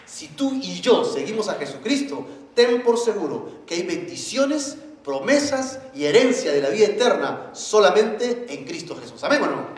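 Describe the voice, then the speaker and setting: A man preaching a sermon as pastor, animated and often asking the congregation questions. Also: high voice, normal speed, hardly any pauses. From Peru. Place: church hall. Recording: very echoey church hall, faint noise.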